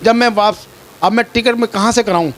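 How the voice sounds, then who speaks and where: High-voiced distressed Pakistani man. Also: a little fast, a bit bright. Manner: distressed, repeats himself, pleading. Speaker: complainant telling his story. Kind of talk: personal account to a reporter.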